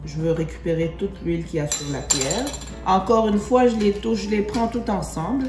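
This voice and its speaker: A woman's voice: mid-range voice, brisk, reverberant, music in the background. A woman from Congo giving a cooking demonstration, chatting and rephrasing herself as she works. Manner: chatty, repeats and rephrases while working. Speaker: home cook presenting a recipe.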